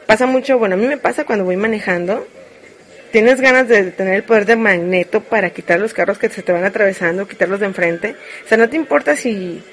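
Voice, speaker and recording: A woman's voice: medium pitch, fairly quick. A woman with a Mexican accent chatting casually and frankly to live viewers, joking as she rambles through her confessions. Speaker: streamer.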